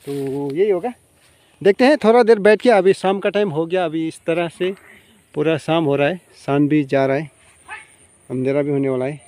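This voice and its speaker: A young man narrates his fishing trip in a chatty, high voice, talking straight to his viewers. He is outdoors beside a rural pond and speaks into a handheld camera. His delivery is relaxed vlog chat. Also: moderate pace. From Assam, India. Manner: chatty, addresses viewers directly. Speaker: fishing vlogger.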